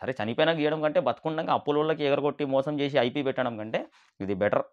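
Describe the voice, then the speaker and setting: A man giving an animated motivational monologue as a business speaker, mixing English words into his speech. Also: mid-range voice, fast talker, highs cut off.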